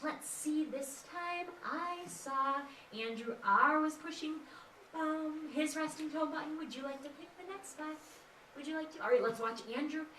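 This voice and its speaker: Her voice sits high, pushed and bright, moving at a moderate pace as she leads the kindergarten music class. She chants, sings easy tunes, and coaxes the kids in that sing-song teacher manner. The indoor classroom echoes, she sounds far off, and there's slight background noise.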